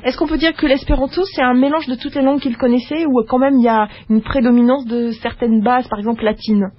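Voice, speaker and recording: A woman's voice: high voice, steady tone, fast talker. A woman hosting a radio talk show, asking her guests conversational follow-up questions. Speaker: radio host. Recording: dull lo-fi radio recording.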